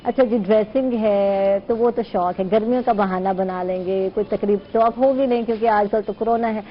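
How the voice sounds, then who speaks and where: A woman's voice: mid-range voice, steady tone, a little fast, muffled recording, a little hiss or hum. A woman hosting a talk show, giving her opinions earnestly with rhetorical questions. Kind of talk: casual talk show conversation.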